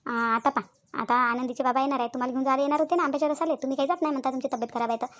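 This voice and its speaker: A woman's voice: high voice, fairly even intonation, rapid-fire, fairly bright tone. A woman doing a sly meddling aunt. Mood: prying. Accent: Vidarbha Marathi. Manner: prying, sly, egging others on. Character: meddling gossipy aunt who stirs up trouble. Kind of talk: cartoon voice acting.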